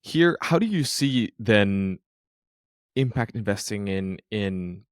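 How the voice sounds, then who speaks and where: A man's voice: fairly low pitch, lively intonation, slow, clear, resonant tone, no echo, clean studio sound. A man from Finland hosting an interview, asking long questions with frequent stammered repeats. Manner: hesitant, repeats words while framing questions. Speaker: podcast host. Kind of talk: interview conversation.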